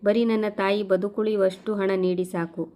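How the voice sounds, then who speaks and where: A woman's voice: medium pitch, level tone, moderate pace, mellow, close to an everyday voice. A woman reading the lines of a poor teenage boy who pleads with pain in his words. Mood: pleading. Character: poor fourteen-year-old boy, desperate.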